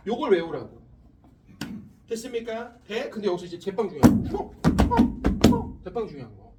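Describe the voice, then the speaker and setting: A man's voice: extremely high pitch, far from the mic, a little hiss or hum. A man teaching a physics class, talking animatedly with crude slang and telling stories between the lessons. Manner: animated, crude slang, acts out quoted voices. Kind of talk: classroom lecture with storytelling.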